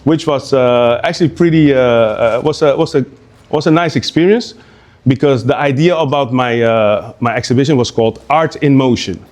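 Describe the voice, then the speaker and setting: A man from Curaçao giving an informal live talk as a guest speaker at an art exhibition. He speaks in a halting, conversational way and often restarts his sentences. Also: mid-range voice, a little mellow.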